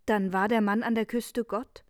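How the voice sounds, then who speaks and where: A woman's voice: mid-range voice, steady tone, normal speed, dry recording, close to an everyday voice. A woman voicing an earnest, indignant young prince in a read-aloud fairy tale, in her own voice. The room sounds dry.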